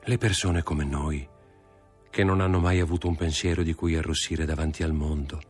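A man voicing a proud young man in an audiobook reading, grave, measured and bitter. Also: low-pitched, a little mellow, slightly rough.

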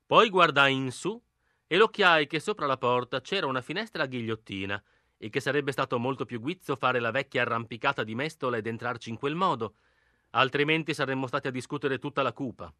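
A man narrating a novel in first person, telling the story smoothly in a slang-filled voice, recorded close on a studio mic. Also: mid-range voice, brisk, bright, forceful tone, no room sound. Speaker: audiobook narrator.

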